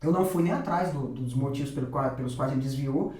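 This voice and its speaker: A man's voice: medium pitch, quick pace, a little mellow, heavy reverb. A man, a guest on a podcast, animatedly telling a personal faith testimony with lots of quoted dialogue.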